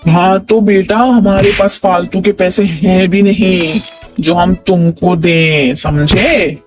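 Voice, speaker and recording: A man's voice: high voice, steady tone, slow. A man voicing a quarrelsome cartoon man who scolds and taunts a coworker, keeps asking if he understood. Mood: scolding. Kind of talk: animated comedy dialogue. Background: background music.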